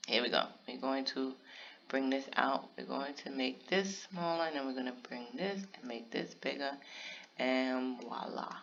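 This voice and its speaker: A man with a bright, forceful voice gives casual, step-by-step narration for a craft tutorial, speaking straight to his viewers. The recording sounds a little dull and lo-fi. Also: mid-range voice, gravelly. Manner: casual step-by-step explaining, talks to viewers directly.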